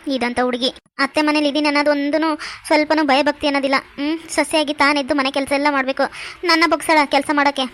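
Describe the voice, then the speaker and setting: A sarcastic cartoon mother-in-law who mutters her complaints in quick asides, as a woman voices her. The voice sits high and bright and rattles along fast. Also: steady tone. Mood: grumbling. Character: grumbling middle-aged mother-in-law. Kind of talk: cartoon voice acting.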